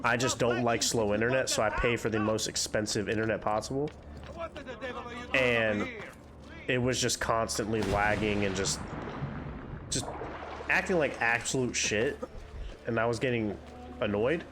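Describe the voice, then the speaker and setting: With a crowd audible in the background, a young gaming channel host chats casually through a game playthrough. His voice is lowish and congested, at a normal speed with long pauses, and his talk is rambling and candid.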